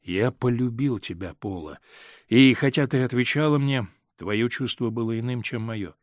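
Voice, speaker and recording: A male reader voicing a hurt, stern middle-aged husband in an audiobook, speaking in a measured, grave way that holds back pain. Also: medium pitch, no room sound, studio quality, lightly acted. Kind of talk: audiobook character reading.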